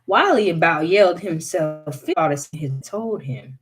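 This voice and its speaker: A woman reads a folktale aloud in an unhurried, expressive storyteller's voice. She takes her time and lingers over the lines. Her voice sits on the low side. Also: soft background music.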